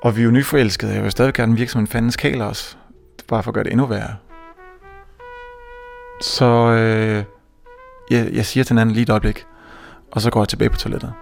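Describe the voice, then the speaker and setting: A young man from Denmark telling a comic story on stage, animated and self-mocking, often stammering and restarting. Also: on the low side, vocal fry, long pauses, faint music behind. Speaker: stand-up comedian. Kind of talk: stand-up storytelling.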